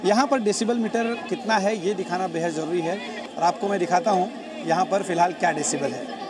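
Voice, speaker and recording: With crowd noise around him, a TV news field reporter delivers a brisk on-location report outdoors on city streets, his voice sitting high. Traffic adds to the noise as he explains and points things out straight to viewers.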